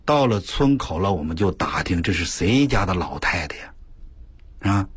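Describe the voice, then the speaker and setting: An older man on the radio telling a story in a folksy, animated way, full of exclamations and drawn-out emphasis. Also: sits low, husky, no room sound. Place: radio studio.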